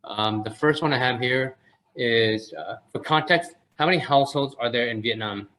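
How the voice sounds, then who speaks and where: A man's voice: mid-range voice, normal speed, a bit bright, rough recording. A man moderating a webinar Q&A over a video call, politely thanking the speaker and reading out audience questions. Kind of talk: hosting a Q&A session.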